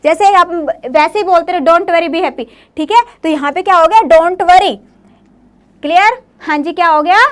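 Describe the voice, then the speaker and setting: A woman's voice: extremely high pitch, normal speed. A woman teacher giving a classroom lecture, often coaxing her students with questions as she goes. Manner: coaxing, often asks "clear, beta?".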